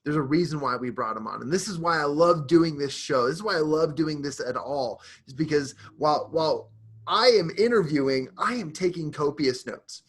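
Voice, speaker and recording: A man's voice: a little high, moderate pace, slightly rough. Male podcast host, effusive, eager, tumbles through restarts. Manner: effusive, enthusiastic, many repeated restarts. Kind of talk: casual interview wrap-up.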